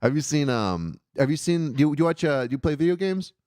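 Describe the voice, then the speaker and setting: A man's voice: fairly high pitch, animated, fast talker, a little mellow, no room sound, studio quality. A man hosting a call-in show, asking questions eagerly with lots of fillers. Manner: eager, rambling, many fillers. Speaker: host. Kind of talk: casual call-in interview.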